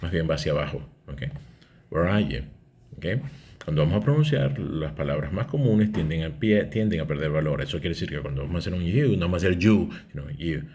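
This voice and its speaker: A man's voice: sits low, animated, fast, darkish tone. A man, teaching an English grammar lesson and explaining step by step, often checking in with "¿ok?".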